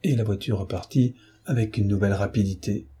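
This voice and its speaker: A man reading a novel aloud as an audiobook narrator, in a measured storytelling manner. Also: lowish voice, warm tone, husky. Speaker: audiobook reader.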